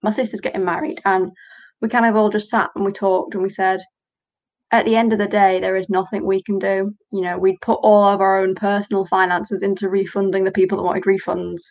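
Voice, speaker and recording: A woman's voice: medium pitch, flat delivery, brisk, darkish tone, low-quality recording. Candid businesswoman guest, earnest, recounting in conversation. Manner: earnest, candid, reenacts quotes. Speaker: guest, small business owner. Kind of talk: conversational storytelling.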